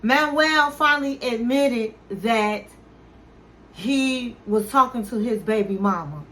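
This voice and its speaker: In a chatty, story-like recap of a reality show, a woman performs the voices of the people she quotes. She speaks slowly in a bright, on-the-high-side voice, and the poor audio has a little hiss or hum.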